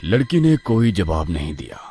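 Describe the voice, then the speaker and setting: A man's voice: sits low, very animated, normal speed, dark tone, faint music behind. A man narrating a horror story in a suspenseful, dramatic storytelling style.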